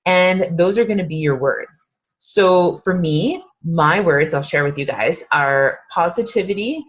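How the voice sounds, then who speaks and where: A woman's voice: fairly low pitch, expressive, unhurried, breathy edge. A woman in her thirties, a fitness coach, leading a casual, upbeat workshop talk with lots of fillers. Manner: chatty, upbeat, filler-heavy.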